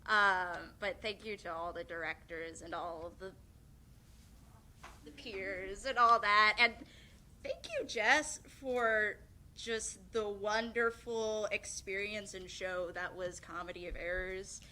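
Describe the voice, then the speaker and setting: Nervous, giggly young woman, bright voice. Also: medium pitch, fairly even intonation, slow, slight background noise. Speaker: graduating theatre student giving a farewell speech. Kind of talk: unscripted farewell speech.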